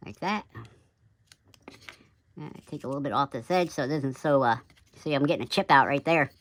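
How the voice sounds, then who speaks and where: A woodcarving instructor casually talks through a step-by-step carving demonstration, dropping folksy asides like "oop" and "yep." His voice, sped up to double speed into a chipmunk sound, is mid-range with a fairly bright tone at normal speed.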